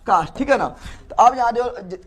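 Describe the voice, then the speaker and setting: Male teacher, high voice, classroom lecture, repetitive question-and-answer drilling. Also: expressive, moderate pace, a bit bright. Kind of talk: classroom lecture with call-and-response.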